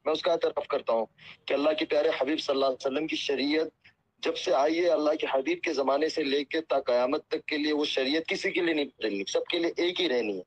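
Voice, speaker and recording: Over a muffled phone recording, a man playing an Islamic cleric talks earnestly and piously, sounding deferential and apologetic. He scatters religious phrases through his speech, and his voice is on the high side with a quick pace.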